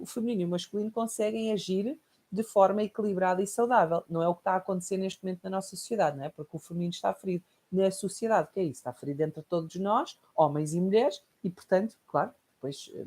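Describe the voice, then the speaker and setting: A woman's voice: mid-range voice, quick pace, a little mellow. A woman with a European Portuguese accent teaching a recorded online lesson in a reflective, explanatory way, often checking in with tag questions. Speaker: course teacher.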